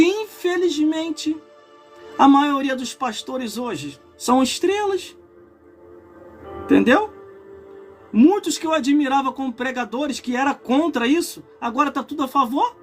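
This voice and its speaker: A man in his forties with a Brazilian Portuguese accent, preaching a live-streamed sermon. He swells into impassioned shouts and breaks off for chatty asides to his viewers. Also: very high voice, lively intonation, a little slow, pauses often, faint music behind. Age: 40s. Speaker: pastor.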